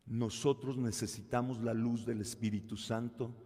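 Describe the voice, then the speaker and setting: A man, a priest giving a homily at mass, telling stories slowly and acting out the people in them. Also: medium pitch, flat delivery, mellow. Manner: slow, storytelling, acts out quoted people. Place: church during mass. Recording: reverberant church.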